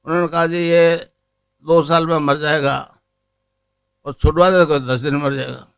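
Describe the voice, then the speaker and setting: A man's voice: fairly high pitch, fairly even intonation, unhurried, creaky, fairly bright tone, clear, resonant tone, low-quality recording. An older Indian man, a guru giving a spiritual discourse to a gathering, telling stories and leading a mantra chant. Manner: storytelling, then leads chanting of a mantra.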